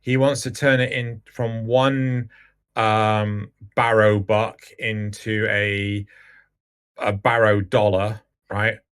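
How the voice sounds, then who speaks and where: A man's voice: on the low side, level tone, takes it slowly, fairly bright tone, smooth. A man co-hosting a casual gaming podcast, joking and pressing his point. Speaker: podcast co-host.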